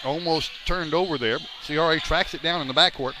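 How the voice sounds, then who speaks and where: Gym noise and a bouncing basketball are clearly heard as a high-pitched male commentator, a little breathless, calls the game live in radio style from courtside at a school. He does his play-by-play fairly quickly.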